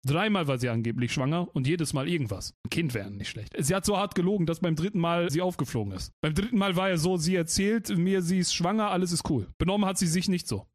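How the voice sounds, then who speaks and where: A man's voice: fairly high pitch, quick pace, hardly any pauses, no echo. A man reading a relationship post aloud and breaking in with wry, sarcastic comments. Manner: wry, interrupts his reading with sarcastic asides. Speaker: streamer reading advice posts.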